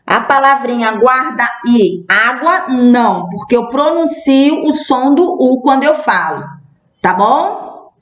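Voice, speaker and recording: A Brazilian woman teaches young pupils in a recorded lesson, going through words one by one. Her voice sits a little high and she speaks very slowly. The room around her is echoey. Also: animated, a bit bright. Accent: Brazilian Portuguese. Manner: slow, patient, spelling out words one by one. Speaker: primary school teacher. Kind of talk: recorded remote class lesson.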